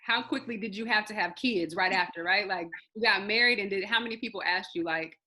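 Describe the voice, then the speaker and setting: A woman hosting a group discussion, asking thoughtful questions with pauses as she searches for words. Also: medium pitch, bright, forceful tone. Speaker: host.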